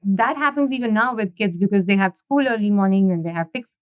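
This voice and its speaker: A woman's voice: medium pitch, brisk, no room sound. A middle-aged woman from India, chatting as a guest in an interview and leaning on "you know" and "right?". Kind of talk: casual interview conversation.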